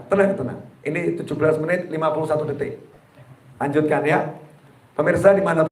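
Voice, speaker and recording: Pendakwah pria bersuara agak tinggi bergema. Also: male voice, high voice. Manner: joking, folksy, acts out little dialogues. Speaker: preacher. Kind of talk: religious sermon to a live congregation. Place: gathering hall with audience. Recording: echoey hall sound.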